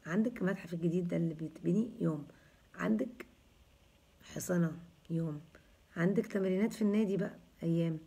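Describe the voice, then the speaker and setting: A woman's voice: on the low side, fast talker, vocal fry, pauses often, warm tone, husky. A woman in her thirties with an Egyptian accent, hosting a casual live chat and answering viewers with jokes and teasing. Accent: Egyptian Arabic. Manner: joking, teasing, chatty. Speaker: host answering viewers' comments.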